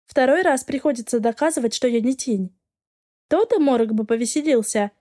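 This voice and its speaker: A woman narrating a novel in the first person, in a measured storytelling way. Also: a little high, dark tone. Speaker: audiobook reader.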